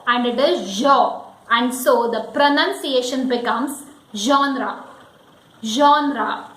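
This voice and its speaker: Slow, high-voiced woman teaching. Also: a bit bright, roomy sound, poor audio. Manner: slow, careful, spells out letters. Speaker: English teacher. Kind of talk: pronunciation lesson.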